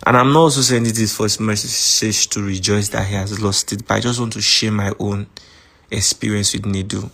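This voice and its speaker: A man with a Nigerian accent recording a voice message to a friend, calmly recounting a grievance. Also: on the low side, creaky. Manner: calm, measured account of a grievance. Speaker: podcast host.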